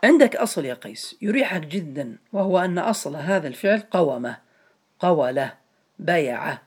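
A man's voice: fairly high pitch, animated, normal speed, slightly rough. A man teaching a grammar lesson to a class, patiently repeating each step and calling on students by name.

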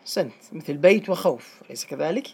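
A man's voice: fairly high pitch, expressive, quick pace, vocal fry, darkish tone, husky. A man teaching a small class, patient and often checking that his students follow.

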